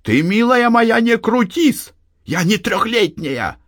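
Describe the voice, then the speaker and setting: A man voicing an older peasant mother who scolds her daughter in a high, strained voice. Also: very animated, takes it slowly, no room sound, studio quality, full character voice. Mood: scolding. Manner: scolding, shouting reproaches. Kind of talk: audiobook reading.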